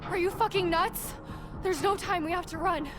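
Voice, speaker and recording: A woman's voice: very high voice, steady tone, moderate pace. A woman playing a brash, easily panicked young student reporter in a video game, with a blunt, sardonic, sweary delivery. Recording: music behind the voice.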